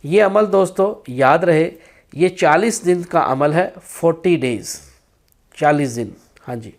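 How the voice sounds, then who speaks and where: Guy teaching, kinda high voice, firm, repeats himself a lot. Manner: slow chanted recitation, then firm explanatory speech. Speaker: spiritual practice teacher. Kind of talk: instructional talk with Quranic recitation.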